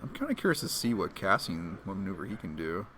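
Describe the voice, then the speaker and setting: A man co-commentating live on a tabletop miniatures game in a relaxed, agreeable way. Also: low voice, fast. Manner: relaxed, agreeable, chuckles often.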